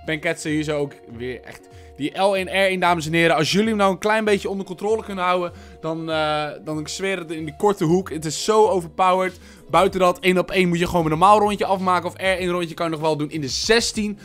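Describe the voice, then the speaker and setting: A young man from the Netherlands giving casual commentary over his own football gameplay. He chats to his viewers and breaks into shouts at big moments. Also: sits high, fast, soft background music. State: headache. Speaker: gaming video host.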